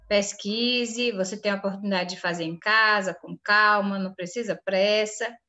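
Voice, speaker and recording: A woman's voice: on the high side, sharp tone. A woman teacher with a Brazilian Portuguese accent, reading through an exam and firmly urging her pupils not to make mistakes.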